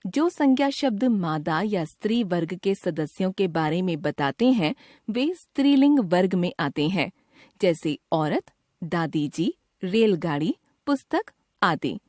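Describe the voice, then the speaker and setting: A woman narrates a scripted grammar lesson for young learners at an unhurried pace. Her pitch rises and falls with an animated, teacherly lilt. The sound is close and dry, with no room around it. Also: no echo. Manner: slow, careful enunciation with an expressive teacherly lilt.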